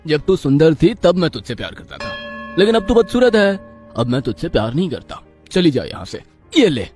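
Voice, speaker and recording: A woman's voice: deep voice, very animated, a little fast, darkish tone, soft background music, pitched below the performer's own voice. A woman voicing a cruel, arrogant young man who mocks and sneers in a storybook tale. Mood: sneering. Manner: sneering, mocking.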